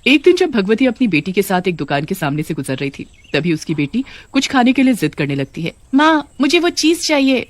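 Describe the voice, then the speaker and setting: A woman narrating a cartoon horror story in a steady, scripted storybook manner. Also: fairly low pitch, a little fast, hardly any pauses, no echo.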